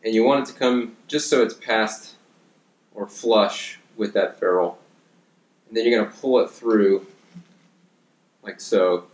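Guy in his 30s explaining a diy gym build, lowish voice, roomy echo, lots of ums. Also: a little slow, pauses often. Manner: relaxed instructional, many fillers and restarts; working with his hands while talking. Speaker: fitness coach. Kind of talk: DIY how-to demonstration. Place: home gym, indoors. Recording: echoey room.

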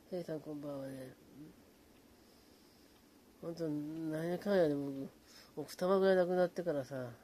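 A man talking in a hushed, low voice from his apartment late at night, greeting viewers by name and rambling in a relaxed way. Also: slight background noise. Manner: hushed, low-volume talk; relaxed, rambling, fond of fillers like うん. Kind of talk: casual late-night chat.

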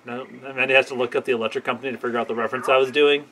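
A man's voice: medium pitch, steady tone, very fast, sharp tone, a little hiss or hum, rough recording. A man hosting a gameplay video, cracking wry jokes and going off on tangents in casual commentary. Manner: joking, wry asides and tangents. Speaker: host.

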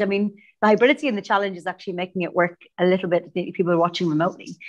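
Echoey woman director on a call. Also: mid-range voice. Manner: reflective, animated, laughs easily. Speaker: theatre director. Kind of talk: video call interview. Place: small empty classroom, echoey. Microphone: video call.

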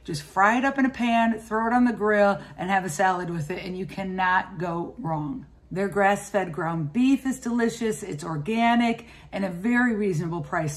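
A woman in her fifties talks to the camera in a chatty, enthusiastic way. She sounds practical and friendly, full of shopping and cooking tips. Her voice sits at an ordinary middle pitch. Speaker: cooking and grocery vlogger. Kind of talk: casual shopping and cooking walkthrough. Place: indoors at home and in a grocery store.

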